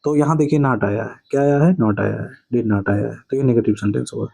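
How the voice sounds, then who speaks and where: A man with a Hindi accent teaching an exam-prep lesson, reading out test questions, explaining answers and often asking "clear?". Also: mid-range voice, fairly quick, warm tone, rough recording. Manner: asks "clear?" after each answer, repeats key words as questions.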